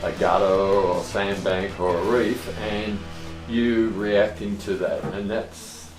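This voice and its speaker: A man's voice: lowish voice, flat delivery, slow. Older guy coaching casually in a roomy workshop, kinda far from the mic, explains stuff then checks you got it. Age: older, about 60s. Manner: explanatory, often checks with "right?". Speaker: surfboard seller and surf coach. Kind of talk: casual instruction. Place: open surfboard workshop with roller door. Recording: echoey workshop, distant mic, background music.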